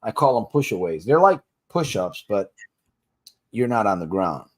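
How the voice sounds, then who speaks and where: A man's voice: on the low side, sing-song, moderate pace. A man hosting a casual livestream for gamblers in recovery, plain-spoken and slangy, coaching listeners directly and laughing easily between points. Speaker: podcast host for gamblers in recovery.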